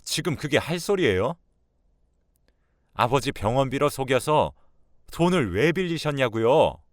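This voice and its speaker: A man doing an agitated grown son, urgent, pressing, raised and lively voice, radio drama. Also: medium pitch, moderate pace, no room sound, studio quality, pitched above the performer's own voice, lightly acted. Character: agitated grown son confronting his mother.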